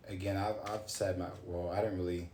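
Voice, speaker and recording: Thinking aloud during a live card reading, a man in his late twenties rants casually, cursing and letting out sudden exclamations. He talks fairly quickly with a low-pitched, flat delivery. Background noise and faint ambience fill the echoey room.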